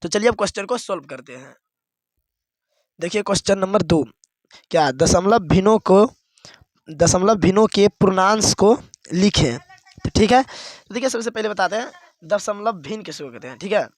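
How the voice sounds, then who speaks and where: A man with a high voice teaches a math lesson step by step and keeps checking that his listeners follow along. The recording is dry and close, with no room sound. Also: expressive, normal speed, long pauses, no room sound. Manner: explains step by step, repeats "dekhiye" and "theek hai".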